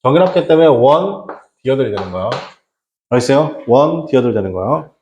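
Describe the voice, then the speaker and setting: A man's voice: medium pitch, expressive, fairly quick, a little mellow, reverberant, dull audio, slight background noise. A man teaching English exam prep in Korean, asking rhetorical questions and answering them himself, with casual slang asides. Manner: rhetorical questions, repeats "어떻게 한다?".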